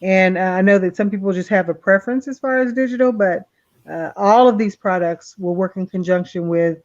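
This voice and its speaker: A woman's voice: mid-range voice, brisk. Casting: sleepy woman, chatty live-stream co-host, slightly muffled audio. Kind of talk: casual live-stream chat.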